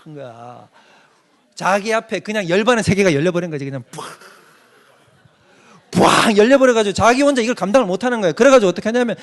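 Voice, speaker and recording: A man's voice: high voice, quick pace, long pauses. A middle-aged male pastor giving an emphatic doctrinal lecture, firing questions at his listeners and answering them himself. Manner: emphatic, mimics people with sudden loud outbursts.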